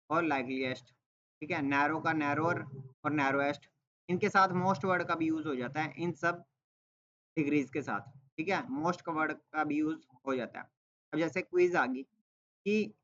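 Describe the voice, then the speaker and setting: A man's voice: fairly high pitch, fairly bright tone. Man teaching grammar, muffled audio. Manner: explains step by step, repeats "ठीक है" and asks rhetorical "क्या" questions. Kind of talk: classroom-style grammar lesson.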